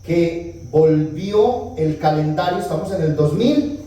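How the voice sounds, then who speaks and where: A man's voice: on the high side, animated, takes it slowly, crowd noise. A man giving a retreat talk as a priest, telling scripture stories and acting out the dialogue with humor. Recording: echoey hall, distant mic, faint noise.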